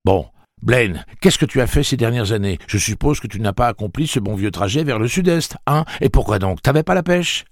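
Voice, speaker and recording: A man voicing a desperate young man who talks fast and then yells at a machine. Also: medium pitch, animated, no echo, studio quality, pitched above the performer's own voice, natural voice. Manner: fast, nervous, shouting.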